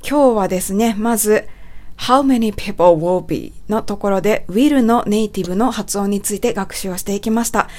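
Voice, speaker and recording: A woman in a spoken lesson on English pronunciation, with a voice of middling pitch for a woman. She explains politely and patiently. She says the English example phrases slowly and carefully. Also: a little mellow.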